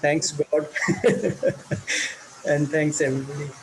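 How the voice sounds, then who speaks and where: Nepali-accented male teacher, slow halting delivery, slightly raised pitch, faint background noise. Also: flat delivery, rough recording. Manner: halting, many fillers and restarts. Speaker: teacher and club organizer. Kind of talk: video call chat. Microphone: video call.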